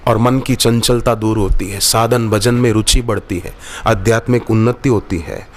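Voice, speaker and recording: A man's voice: lowish voice, steady tone, moderate pace. A man giving a devotional sermon at an ashram gathering, quoting Sanskrit verses and acting out bits of dialogue as he tells stories. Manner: storytelling, quotes Sanskrit verses, acts out dialogue. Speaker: spiritual teacher.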